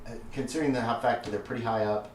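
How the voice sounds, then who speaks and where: A man running a tabletop game as game master, explaining things to players in a casual, halting way. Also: mid-range voice, steady tone. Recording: roomy, distant mic, noisy background.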